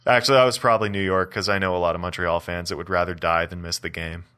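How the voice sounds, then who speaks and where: A man co-hosting a podcast in casual chat, with a wry, joking delivery and quick asides. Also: deep voice, steady tone, sharp tone, clear, resonant tone. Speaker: podcast co-host.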